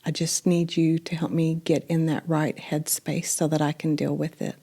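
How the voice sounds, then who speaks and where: A woman role-playing a scared eighteen-year-old pregnant girl who has told no one, speaking hesitantly with halting restarts. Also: low-pitched, flat delivery, warm tone, breathy edge. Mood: worried.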